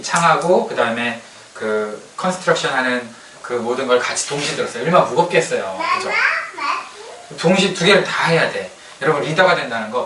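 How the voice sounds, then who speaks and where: A man's voice: mid-range voice, bright, forceful tone. A male pastor preaching a conversational sermon, often checking with the congregation and dropping joking asides. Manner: conversational, keeps asking the congregation "right?". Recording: echoey room, distant mic, faint noise.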